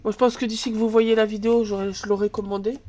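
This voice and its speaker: A woman with a stuffy, cold-clogged nose hosts a relaxed crafts tutorial at her home table, talking fast in a medium-pitched, dark, level voice. Chatty and full of filler words, she thinks aloud as she works while a camera films from overhead.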